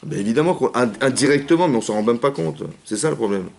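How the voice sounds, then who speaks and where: Rabbi giving a class, quick talker, lively, plays out little scenes. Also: male voice, medium pitch, gravelly, a crowd in the background. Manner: rapid, animated, acts out dialogues. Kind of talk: Torah class with audience questions. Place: community hall.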